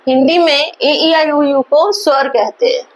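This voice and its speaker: Speaking in a high, steady tone, a woman explains English grammar in Hindi, asking questions she then answers on her own. Her example sentences come out slowly and spelled out.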